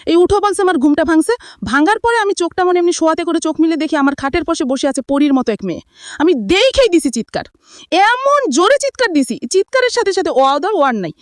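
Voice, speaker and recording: Man with a high voice, rambling first-person storytelling, very dry close sound. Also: animated, very fast, no echo. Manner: rambling, full of repeated phrases and restarts. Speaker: storyteller recounting his experience.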